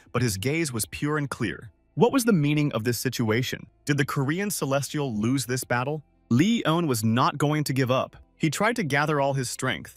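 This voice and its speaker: A man giving scripted story narration as a recap narrator, in an animated, swooping delivery. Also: mid-range voice, no echo.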